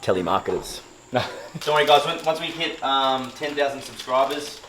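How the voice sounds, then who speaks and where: This vlogger's mid-range voice is a bit bright, with lively intonation and a moderate pace. Prepping meals indoors in his home kitchen, he jokes about himself and rambles with fillers while a helper films on a camera mic, faint cooking noise echoing around the roomy kitchen.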